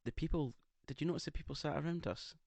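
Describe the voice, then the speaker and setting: This English-accented man co-hosts a casual podcast, chatting in a teasing, camp and theatrical way. He talks quickly in a slightly high, creaky, somewhat mellow voice, captured dry through a studio mic.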